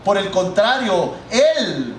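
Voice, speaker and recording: A man in his thirties preaches a sermon, talking conversationally and directly to the congregation. His high, sing-song voice is slow. The mic is set back in an echoey hall, leaving a distant sound with a little hiss or hum.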